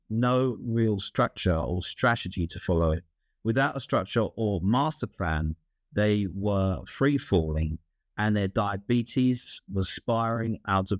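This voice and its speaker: A man with a British accent, a health coach reading a scripted webinar in a steady, read-aloud way. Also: fairly low pitch, no room sound, studio quality.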